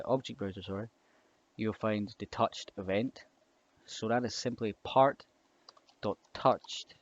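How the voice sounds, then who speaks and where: In a lowish voice with no room sound, a young scripting tutor wanders through a casual coding walkthrough, hesitating and restarting with plenty of fillers. The dull lo-fi recording carries typing and mouse clicks.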